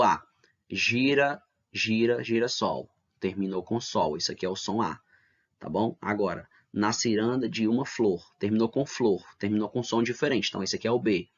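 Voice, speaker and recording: This online middle school lesson is led by a man whose voice is fairly low and slightly rough. He builds explanations step by step, asks rhetorical questions, and tags on "né?" and "tá bom?" to check in. The audio is dull and lo-fi.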